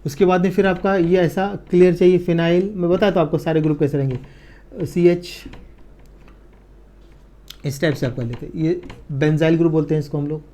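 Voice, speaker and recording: A man teaching chemistry for exam prep in an online lesson. He coaxes and nudges his students, often checking they follow, and slows down and drops his voice as he writes terms out. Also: on the high side, fairly even intonation, warm tone. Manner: coaxing, repeats "ठीक है ना" to check understanding.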